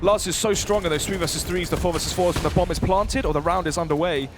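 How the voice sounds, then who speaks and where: A male esports caster talks quickly in a slightly high voice. He gives analytical match commentary, explaining tactics in dense gaming jargon, with clear gunfire and clicks in the background. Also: noisy background. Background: video game gunfire and clicks.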